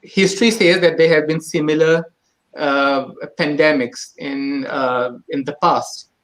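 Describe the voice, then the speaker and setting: A man with a fairly high voice speaks as a guest at an online talk. He talks slowly and hesitantly, leaning on fillers. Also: steady tone, a bit bright, rough recording. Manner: hesitant, slow, many fillers.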